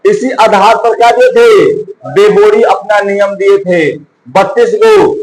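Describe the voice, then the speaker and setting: A man's voice: high voice, steady tone, takes it slowly, slight background noise, low-quality recording. A male coaching teacher, giving a chemistry lesson, asking and answering his own questions and counting aloud.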